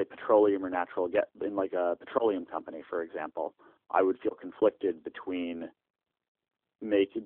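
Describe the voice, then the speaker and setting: A low-voiced startup founder answers interview questions at length over a landline phone. He frequently restarts and fills pauses with "uh." The phone line comes through tinny and dry.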